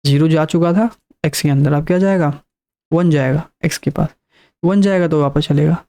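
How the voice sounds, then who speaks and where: A male programming teacher talks through his lesson one step at a time. His voice is warm and mellow, and he often repeats a point and counts items aloud to make it clear. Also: on the high side, normal speed. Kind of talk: screen-recorded coding lesson.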